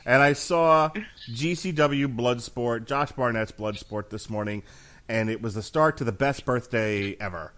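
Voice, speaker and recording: A man's voice: mid-range voice, a little slow, fairly bright tone. A man with a mid-range voice hosts a boxing talk show. He speaks casually and jokingly, slipping into mock-formal flourishes as he steers his co-hosts. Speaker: host of a boxing commentary show.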